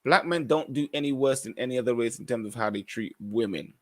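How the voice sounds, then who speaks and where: A man's voice: medium pitch, fairly quick, fairly bright tone. A man hosting a podcast, reading out viewer comments and giving his own earnest, opinionated responses, sometimes restarting as he reads. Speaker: podcast host.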